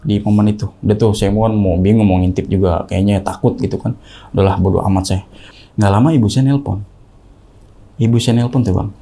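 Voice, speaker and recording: A young man telling a ghost story in casual talk, acting out the quoted voices in a higher pitch. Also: fairly quick. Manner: animated, acts out the quoted voices with rising pitch. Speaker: guest storyteller.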